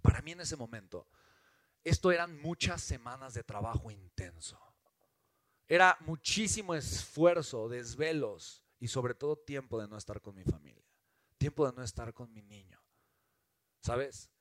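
A man with a Mexican accent giving an animated, emphatic motivational talk as a business mentor, often asking rhetorical questions. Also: medium pitch, a little slow, no room sound. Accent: Mexican Spanish.

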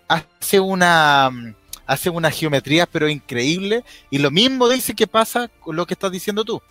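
A man's voice: a little high, a bit bright, dry recording. A man co-hosting a casual chat, thinking aloud in long, winding sentences.

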